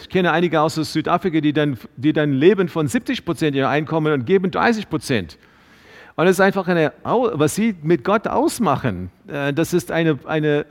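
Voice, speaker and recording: A man preaching a sermon about giving, talking in a halting way with many fillers and restarts. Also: a little high. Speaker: pastor. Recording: long hall reverb.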